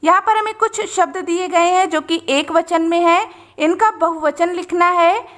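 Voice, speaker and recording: A woman teaching young children a worksheet, reading each sentence slowly and patiently. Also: very high-pitched, a bit bright. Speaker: teacher and channel host.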